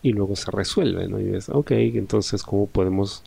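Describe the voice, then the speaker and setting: A young man with a Peruvian Spanish accent talks through his podcast on his own. His voice sits low and mellow, with a gravelly fry, and his talk is thoughtful and chatty, full of little tag questions. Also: moderate pace. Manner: reflective, conversational, ends phrases with a questioning tag. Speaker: podcast host. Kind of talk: solo podcast monologue.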